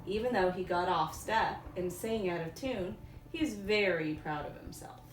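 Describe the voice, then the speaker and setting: A woman teacher reading a storybook aloud for young children, in simple, deliberate phrases. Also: on the low side. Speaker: elementary school teacher. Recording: echoey room, distant mic, faint noise.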